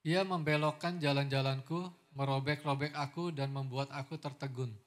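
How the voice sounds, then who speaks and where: A man reading scripture aloud during a sermon at a steady, measured pace. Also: medium pitch. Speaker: scripture reader.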